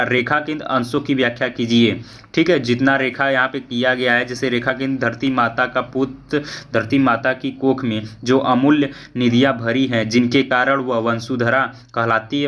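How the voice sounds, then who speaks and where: A male teacher going through an exam paper, reading each question aloud, slowing down for the verse passages and often checking in with an "okay". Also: mid-range voice, a bit bright. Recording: dull lo-fi audio.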